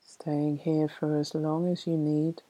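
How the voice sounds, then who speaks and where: A woman leading a guided meditation in a soft, soothing, unhurried way with long pauses. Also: sits low, level tone, low-quality recording. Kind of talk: guided meditation narration, reading a poem.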